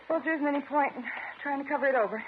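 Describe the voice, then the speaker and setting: A woman's voice: sits high, racing, lightly acted. An actress playing an anxious, lovestruck married woman in an old-time radio drama, speaking in an earnest, wounded, dramatic way. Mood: guarded, confessing. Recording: noisy muffled old radio recording.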